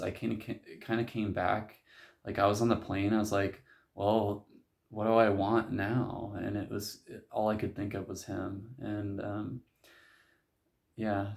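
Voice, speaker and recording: A man's voice: fairly low pitch, gravelly, a little mellow. A young man talking casually about spiritual experiences, rambling with lots of fillers and restarts. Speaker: vlogger.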